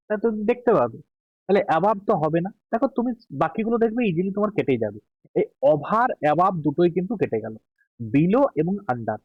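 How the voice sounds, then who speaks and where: A man with a Bengali accent, an exam tutor going through answer keys slowly, stretching out English words and checking in often. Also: sits high, dry recording, dull audio.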